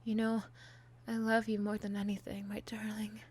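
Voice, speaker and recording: Woman acting a breathy, unhinged yandere girl, ASMR role-play. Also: mid-range voice, completely flat delivery, close to an everyday voice. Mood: hushed jealousy. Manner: unhinged, clingy villainess, slow drawn-out delivery with breathy hushed stretches. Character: possessive, obsessive young monster girl lover, unhinged yandere.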